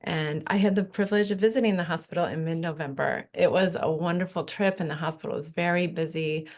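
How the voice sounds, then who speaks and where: A woman's voice: fairly low pitch, steady tone. Earnest woman presenting for a nonprofit. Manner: earnest, measured, informative. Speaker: nonprofit executive director and midwife. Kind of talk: scripted presentation at a virtual event.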